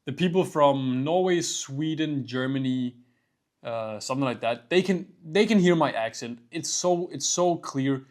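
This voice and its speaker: A young Danish man with a Danish accent vlogs casually to camera, rambling and peppering his speech with "like," "bro," and swearing. His voice is medium in pitch and his pace measured.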